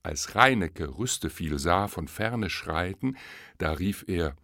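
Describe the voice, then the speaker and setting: A man narrating a verse fable as an audiobook, in a measured, expressive storytelling manner. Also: sits low, dry recording, clean studio sound.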